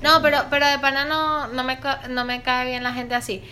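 A woman's voice: high-pitched, fairly even intonation, a little fast, sharp tone, slight background noise. A young woman with a Venezuelan Andean accent, chatting casually in a slangy, emphatic way and laughing easily. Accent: Venezuelan Andean (gocho). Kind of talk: casual chat.

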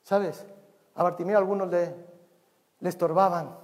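A male pastor, preaching a sermon with passion, swinging from loud cries to hushed tones. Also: high-pitched, fairly even intonation, unhurried. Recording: long reverb of a hall, faint music behind.

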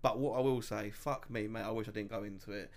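A man's voice: fairly low pitch, fairly even intonation, quick pace. A young man, co-hosting a casual podcast chat, laughing often and full of slang. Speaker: podcast co-host. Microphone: podcast mic.

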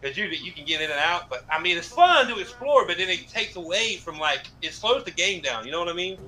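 A man's voice: high voice, sing-song, a little fast, pushed and bright. A man in a casual group voice chat with gamers, swearing freely as he rants about games. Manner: profane ranting.

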